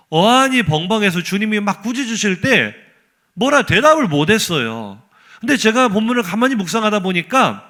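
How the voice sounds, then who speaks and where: A man preaching to his congregation in a church, his voice pitched high. He talks in a humorous, animated way and keeps asking the listeners questions. His intonation rises and falls in wide, lively swings. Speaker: pastor. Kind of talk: sermon. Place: church sanctuary.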